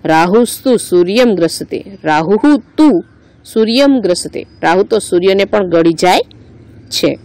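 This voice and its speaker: A woman's voice: medium pitch, lively intonation, a little slow, darkish tone, rough recording. A woman teacher with a Gujarati accent teaching a lesson. She reads each line aloud, then explains it word by word. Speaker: school teacher.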